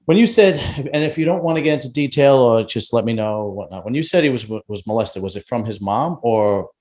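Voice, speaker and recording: A man interviewing in a casual chat, asking hesitantly and gently reassuring. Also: mid-range voice, expressive, a little fast.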